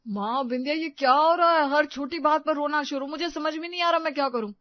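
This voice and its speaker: A woman's voice: medium pitch, a little slow, lo-fi sound, lightly acted. A woman voicing an exasperated young husband in a cartoon, scolding and fed up. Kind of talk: cartoon voice acting.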